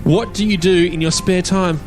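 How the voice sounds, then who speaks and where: An Australian man with a voice a little higher than most hosts a loose comedy podcast. He banters in a blokey, sweary way, with some music around the talk. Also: fairly even intonation, moderate pace. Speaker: podcast host. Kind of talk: casual comedy chat.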